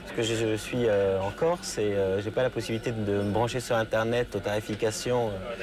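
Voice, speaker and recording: A man interviewed as a cybercafé customer, speaking haltingly with many fillers. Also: fairly low pitch, fairly even intonation, a crowd in the background. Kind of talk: street interview.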